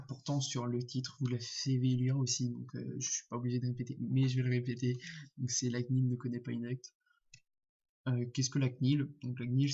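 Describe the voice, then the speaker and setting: A man, speaking in a gravelly, husky voice, vents to his viewers in a flat, monotone delivery. He rambles indignantly, full of hesitations and restarts, and the recording sounds dull and lo-fi. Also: mid-range voice. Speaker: vlogger. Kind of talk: casual vlog commentary.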